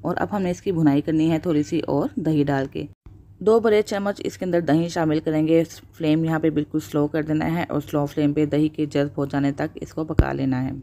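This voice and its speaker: A woman with a low, dark, mellow voice talks viewers through a recipe in a voice-over. Her delivery is steady and instructional, peppered with blessings. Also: brisk. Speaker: cooking channel host. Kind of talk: voice-over cooking tutorial.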